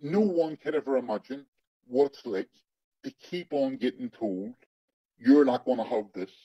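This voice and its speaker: A man speaks through a digital voice disguise that hides his identity, and the altered tone sounds dark and heavy. He is blunt and emphatic, swears freely and repeats words to press his point. The sound is dull and lo-fi, as if it came over a remote connection. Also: mid-range voice, expressive, normal speed, husky, no room sound. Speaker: interviewee, former undercover agent. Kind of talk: angry first-person testimony in an interview.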